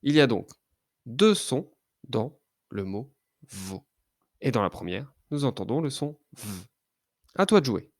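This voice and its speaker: A man teaching a child to read, sounding out letters and syllables slowly and carefully. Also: mid-range voice, very animated, no echo, studio quality. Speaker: reading teacher. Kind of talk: children's phonics lesson.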